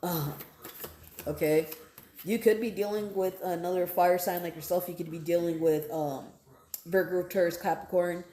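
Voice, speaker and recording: This woman reads tarot cards in a casual, improvised session, speaking directly to viewers in a mellow voice on the low side, with a steady tone and moderate pace in a roomy-sounding space. Her style is conversational and repetitive, and she frequently asks "right?" and "okay?".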